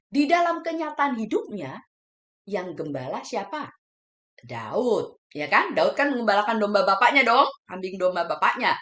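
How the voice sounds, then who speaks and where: A woman preaching a sermon in an animated way, acting out voices of awed believers. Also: mid-range voice, moderate pace, reverberant. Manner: animated, acts out voices of the faithful in awe. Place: church hall.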